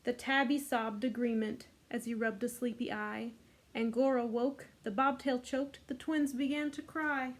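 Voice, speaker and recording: Her voice leans high, with fairly even intonation and a slightly slow pace. She is a library storytime host reading a picture book and explaining a craft to children in simple language.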